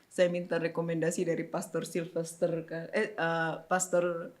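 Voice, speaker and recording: Lively nun telling a story. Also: female voice, fairly low pitch, normal speed. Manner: animated, laughs often, acts out quoted people. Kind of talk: casual storytelling in an interview.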